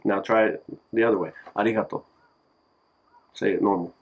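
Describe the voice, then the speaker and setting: A man giving a casual lesson on simple phrases, relaxed and joking, repeating each word so it can be drilled. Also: lowish voice, a little fast, vocal fry, lo-fi sound. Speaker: language teacher. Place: Japan.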